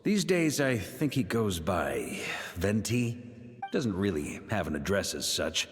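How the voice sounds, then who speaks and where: A man's voice: on the low side, big pitch swings, unhurried. A man playing an easygoing knight commander in a video game, his voice in long reverb. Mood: casual, wry. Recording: long echoing reverb, faint music.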